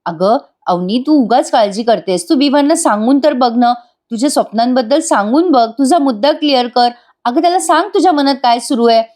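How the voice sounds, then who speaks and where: A woman voicing a gentle, reassuring young sister-in-law in a serial recap. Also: sits high, lively intonation, fairly quick, pitched above the performer's own voice. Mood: coaxing. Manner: coaxing, reassuring.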